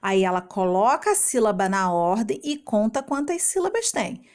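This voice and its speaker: A woman teacher explaining a homework lesson to young children in Brazilian Portuguese, patient and slow, sounding out syllables. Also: mid-range voice, big pitch swings, darkish tone.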